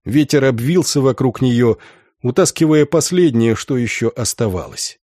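A man reading literary fiction aloud as a narrator, in a measured, expressive delivery. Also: mid-range voice, no room sound, clean studio sound. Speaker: audiobook narrator.

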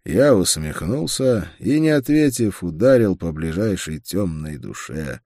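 A man reading a first-person fantasy audiobook in a steady, measured storytelling voice. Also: low voice, no room sound, studio quality. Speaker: audiobook narrator.

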